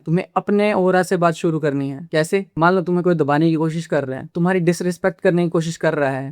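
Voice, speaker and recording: A man's voice: a little high, a little mellow, clear, resonant tone, no echo, clean studio sound. A man who makes communication-skills videos, lecturing the viewer directly and casually, dropping English phrases into his talk. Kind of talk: casual instructional talk to camera.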